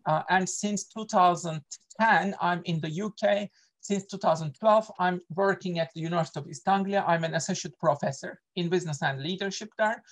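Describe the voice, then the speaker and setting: A middle-aged Turkish man with a Turkish accent speaks in a high voice at a slightly quick pace. He's an associate professor presenting an online workshop over a video call, earnest in manner, often using fillers and correcting himself.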